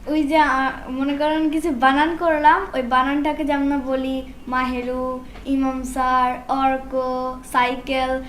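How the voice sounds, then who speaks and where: A child pupil answering a teacher's questions slowly and hesitantly. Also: female voice, high voice, flat delivery, a bit bright, reverberant, a little hiss or hum.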